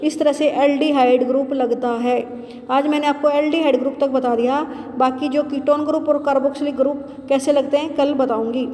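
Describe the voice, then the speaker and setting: A woman teacher giving a chemistry lesson, asking questions and answering them herself, repeating key terms slowly. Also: high-pitched, steady tone, warm tone. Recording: roomy echo with long reverb.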